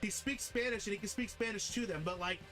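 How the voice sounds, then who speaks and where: A man's voice: sits high, fast, bright, forceful tone, soft background music. A man hosting a stream, chatting in a rambling, profane way and calling people bro. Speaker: stream host. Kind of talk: casual chat.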